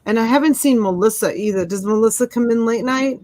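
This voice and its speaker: A woman's voice: fairly high pitch, a little fast, a little mellow, no room sound. A middle-aged woman from Boston with a Boston accent, chatting casually and playfully as co-host of a live show. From Boston, United States. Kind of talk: casual chat.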